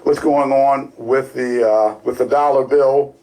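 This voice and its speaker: A man's voice: mid-range voice, steady tone, unhurried, mellow, poor audio. A man with a Baltimore accent co-hosting a casual radio talk show in a studio, rambling with lots of fillers and restarts.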